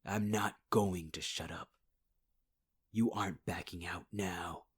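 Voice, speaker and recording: In an ASMR audio roleplay, a man plays a possessive villain, speaking close to the mic in a taunting half-whisper and calling the listener sweetheart, with an angry mood. His deep voice has a breathy edge, fairly even intonation, and an unhurried pace.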